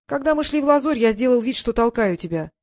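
A mocking, impatient teenage boy, as a woman puts him on talks in a high, loud, brusque way. The recording is dry and close, like a storybook reading. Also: animated, fast, dry recording. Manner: sarcastic, brusque.

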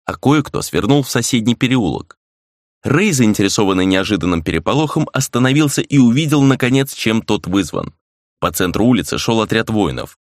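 A man narrating a fantasy audiobook in an even, measured reading. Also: medium pitch, no room sound, studio quality.

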